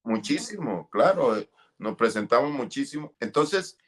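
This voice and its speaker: A man's voice: medium pitch, lively intonation, normal speed. A middle-aged man giving an earnest, fervent testimony in an interview. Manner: earnest, fervent, relives moments with cries and shouts. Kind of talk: emotional testimony.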